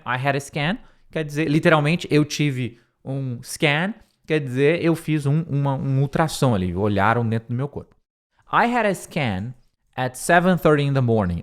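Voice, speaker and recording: A young man, teaching English line by line, repeating words slowly, with many fillers. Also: on the high side.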